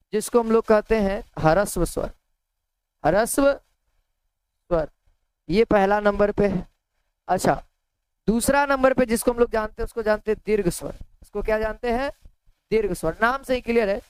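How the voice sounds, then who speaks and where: Male teacher, resonant and dry, dictates notes slowly, repeats phrases as he writes, checks in with tag questions. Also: high-pitched, smooth, no echo, poor audio. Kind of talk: online grammar lesson, dictating notes.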